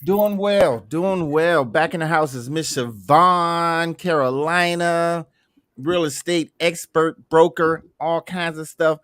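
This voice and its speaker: A man's voice: fairly high pitch, slow pace, a bit bright, dry recording, studio quality. A man hosting a podcast in casual chat, telling stories with a laid-back, joking manner. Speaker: podcast host.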